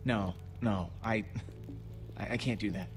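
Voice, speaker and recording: A man's voice: on the low side, takes it slowly, over music. An actor playing a polite, humble young male companion in a video game. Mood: modest.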